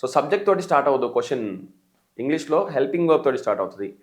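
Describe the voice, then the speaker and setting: A man from the Telugu states teaching English as an exam coach, animated, mimicking learners' mistakes and calling the viewers friends. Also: medium pitch, rapid-fire. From Telugu states of India. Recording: echoey room.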